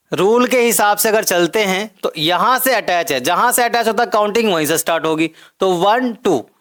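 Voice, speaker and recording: Delivering a recorded chemistry lecture, a man with a notably high voice lays out each point in steps, restates the important terms and keeps making sure his students understand. His voice is a bit bright.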